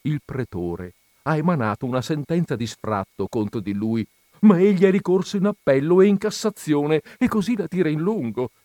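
A man's voice: a little high, animated, normal speed, mellow, dry recording, clean studio sound, natural voice. A man voicing a harried middle-aged landlord who complains plaintively and deferentially.

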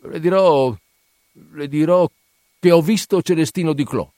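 A man's voice: on the high side, a little slow, dark tone, no echo, studio quality, voice pushed up, natural voice. A man reading aloud, voicing a boastful, slightly drunk male sailor who talks with swagger. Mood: eager. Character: boastful tipsy male sailor, hearty and cocky.

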